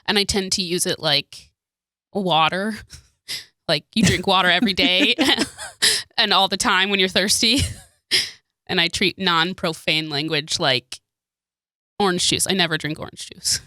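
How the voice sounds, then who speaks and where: Bright, giggly young woman chatting. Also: on the low side, a little slow, pauses often, no echo, studio quality. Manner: giggly, rambling. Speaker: podcast co-host. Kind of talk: casual chat.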